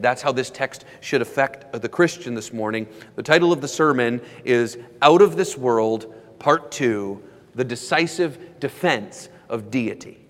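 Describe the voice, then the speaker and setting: Male pastor, mid-range voice, measured sermon delivery, long reverberant church hall. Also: medium pitch. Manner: measured preaching, slows for emphasis, dramatizes quoted questions.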